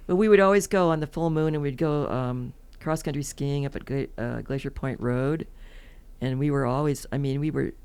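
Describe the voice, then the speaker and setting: A woman's voice: rumbling low, normal speed, a little mellow, clear, resonant tone. A woman in her seventies from California, telling rambling, chatty stories as a podcast guest and laughing often. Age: 70s. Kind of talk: casual interview storytelling.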